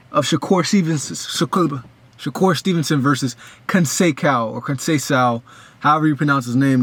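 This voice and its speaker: A man's voice: medium pitch, a bit bright. Rambling young man breaking down a fight. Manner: rambling, many restarts and fillers. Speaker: boxing fan analyst.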